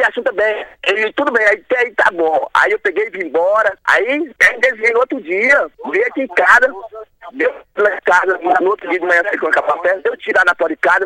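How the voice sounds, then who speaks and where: A man's voice: high voice, bright, forceful tone, no room sound, poor audio. A man from Brazil, calling in by phone to a radio show, talking in an agitated, rambling, repetitive way. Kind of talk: phone-in talk. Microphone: phone line.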